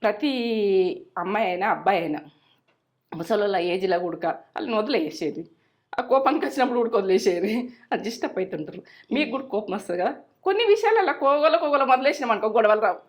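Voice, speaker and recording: A middle-aged woman talks at a brisk clip as she hosts a home cooking video. Her voice sits at an ordinary middle pitch. She chats along casually, circles back over her points and slips homely life advice in between the cooking. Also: animated. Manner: chatty, repeats herself, gives homely advice. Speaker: cooking channel host.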